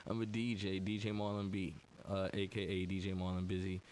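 New york dude, low-ish voice, chill and modest, ums everywhere, faint hiss behind. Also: male voice, monotone, a little fast, darkish tone. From New York City. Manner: laid-back, modest, hesitant with many fillers. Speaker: DJ guest. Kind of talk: casual interview chat.

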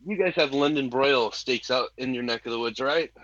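A man's voice: medium pitch, moderate pace, fairly bright tone, no echo, lo-fi sound. A man joining a podcast as a guest in casual chat, explaining things matter-of-factly.

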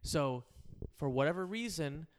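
A man with a fairly high voice that swings up and down a lot, chatting as a podcast co-host. He tells a story about his kid in short, punchy, emphatic lines. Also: expressive, a little slow. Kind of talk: casual chat.

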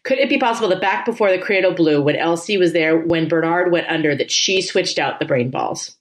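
A woman's voice: fairly low pitch, brisk. A woman co-hosting a podcast, chatting playfully about a TV episode and joking around. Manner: playful, jokey, laughs often. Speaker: podcast co-host. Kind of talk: casual chat recapping a TV episode.

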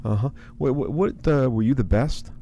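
A man's voice: medium pitch, normal speed, warm tone. A man hosting a radio interview show, asking probing questions and cutting in often. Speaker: radio host.

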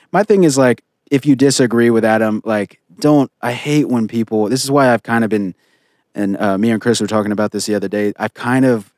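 A man's voice: fairly low pitch, a little mellow, dry recording, studio quality. A man co-hosting a podcast in casual chat, blunt and opinionated, swearing freely and restarting his sentences often. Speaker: podcast co-host.

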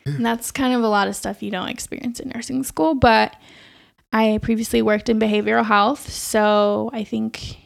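A woman's voice: fairly high pitch, fairly even intonation, normal speed, vocal fry. A young adult woman, a nurse, talking in a reflective, chatty way on a podcast and often laughing. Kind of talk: casual podcast chat.

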